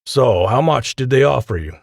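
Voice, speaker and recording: Joking, stiffly formal male scientist, as a narrator puts him on, lively pitch, dry sound. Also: moderate pace, gravelly, dry recording. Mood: jovial.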